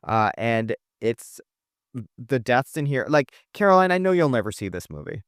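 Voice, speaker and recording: A podcast co-host talks through movies with emphatic, gushing enthusiasm and the occasional swear word. His voice is smooth and clear. The sound is dry and close to the mic. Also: medium pitch, very animated, normal speed, dry recording. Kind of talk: casual movie review chat.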